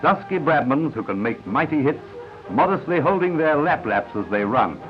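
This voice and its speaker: A man's voice: a little high, big pitch swings, normal speed. A man narrating an old 1950s newsreel in a confident announcer style, with asides to the viewer. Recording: dull lo-fi 1950s newsreel soundtrack. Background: newsreel music.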